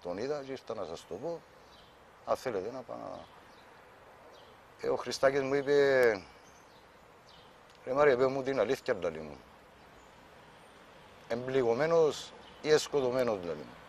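Ένας άνδρας με κυπριακή προφορά αφηγείται ως αυτόπτης μάρτυρας σε συνέντευξη ντοκιμαντέρ, μεταφέροντας τα λόγια άλλων. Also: male voice, mid-range voice, animated, long pauses, a little mellow, a little hiss or hum. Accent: Cypriot Greek. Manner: plain storytelling, quoting others. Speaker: eyewitness. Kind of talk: documentary interview testimony.

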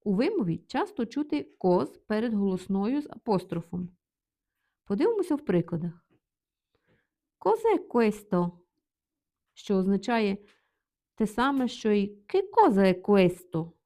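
A woman's voice: mid-range voice, very animated, unhurried, pauses often, mellow. A woman teaching a language lesson, reading example phrases and translating each one in turn. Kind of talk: explaining vocabulary with examples.

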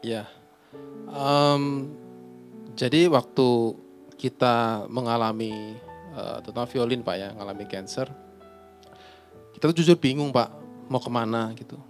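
A man's voice: mid-range voice, unhurried, long pauses. A man, a guest and husband, giving a sincere, plain testimony and often repeating his phrases. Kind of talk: personal testimony on a talk show. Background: faint guitar music.

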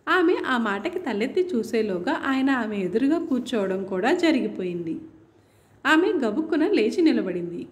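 A woman narrating a story with an expressive reading. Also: fairly high pitch, normal speed, echoey room.

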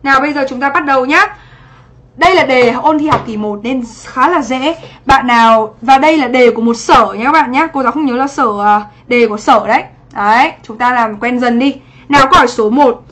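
A woman's voice: sits high, a little fast, a bit bright. A woman teacher running a livestream exam review, greeting viewers by name and checking after each point whether they follow. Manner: chatty, asks for confirmation after each point. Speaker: English teacher.

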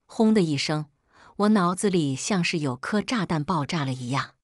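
A woman narrating a scripted first-person family story in a dramatic, expressive way. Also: lowish voice, normal speed, no echo, clean studio sound.

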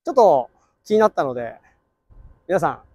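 A man's voice: fairly high pitch, very animated, normal speed, mellow, no room sound, studio quality. A man hosting a casual outdoor vlog, chatting playfully and repeating short phrases. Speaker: host of a street stunt video. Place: city street and plaza at night, outdoors.

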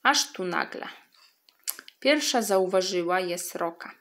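A woman reading a children's story aloud in an expressive way. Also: on the low side, takes it slowly.

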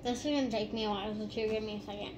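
A woman's voice: mid-range voice, fairly even intonation, rapid-fire. A young woman vlogger chatting while she tastes food, speaking behind her hand as she chews. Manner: chatty, talking while chewing. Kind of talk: casual food-tasting vlog. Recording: clear background noise.

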